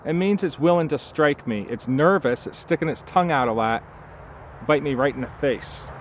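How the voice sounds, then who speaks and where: A man's voice: a little high, lively intonation, normal speed, a little hiss or hum. A man in his forties, a nature vlogger, talking casually and enthusiastically to a handheld camera at arm's length outdoors at a forest campsite, with plenty of fillers as he thinks aloud. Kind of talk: casual outdoor vlog narration.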